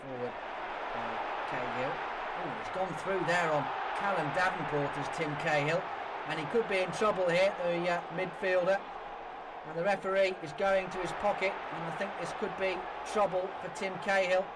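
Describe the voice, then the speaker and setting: A man commentating football match highlights, rising to excited shouts at the goals. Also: moderate pace, distant mic. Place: football stadium commentary position. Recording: broadcast with loud crowd noise. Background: loud stadium crowd.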